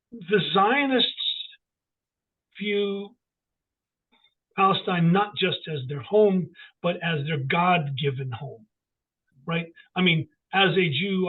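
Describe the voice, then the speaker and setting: A man's voice: sits high, husky. A man talking as an author guest in an interview, emphatic and full of restarts. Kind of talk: casual interview talk. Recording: tinny phone-like line.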